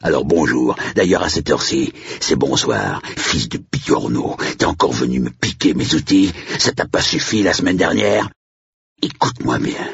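Picture a rough-edged country caretaker with a very deep, gravelly voice that lurches up and down as he talks, as a male narrator puts him on. He is blunt and slangy, full of crude threats and sudden cheer. The sound is dull and dry, like a lo-fi recording. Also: lively intonation, moderate pace, no echo, exaggerated voice. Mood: suspicious. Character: gruff rural male estate caretaker, jumpy then jovial.

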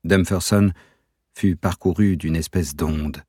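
A man narrating a novel aloud in a measured, even storytelling manner. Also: low-pitched, breathy edge, no echo, clean studio sound. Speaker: audiobook narrator. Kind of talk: scripted narration.

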